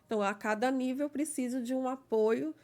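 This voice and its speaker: Higher-voiced woman explaining carefully. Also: fairly quick, a little mellow. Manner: explains carefully, often adding a checking "né?". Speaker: guest, legal assistant. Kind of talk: personal conversational interview.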